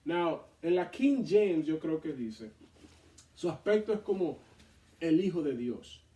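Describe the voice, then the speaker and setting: A man leading a Bible study, reading scripture aloud and explaining it in an animated way to a responding group. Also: on the high side, takes it slowly. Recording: echoey room, mic far off.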